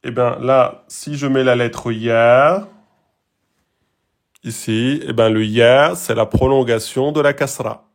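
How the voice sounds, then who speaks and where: Slow, patient male Arabic teacher. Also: medium pitch, steady tone. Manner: slow, patient, repeats rules and models sounds. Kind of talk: online lesson.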